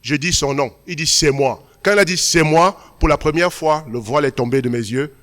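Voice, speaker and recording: Male pastor, raised voice, preaching in a big echoing church hall, emphatic then quietly confiding. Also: fairly high pitch, moderate pace. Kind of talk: sermon. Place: large church hall at a Sunday service. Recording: long hall reverb.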